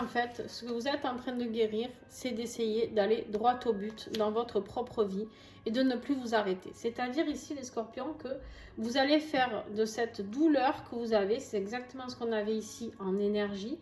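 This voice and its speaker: Slightly high and a little mellow, this woman's voice carries a southern French accent. As a tarot reader, she offers her viewers a casual, reassuring, chatty reading on camera, peppered with fillers and asides, in an echoey room where faint music plays.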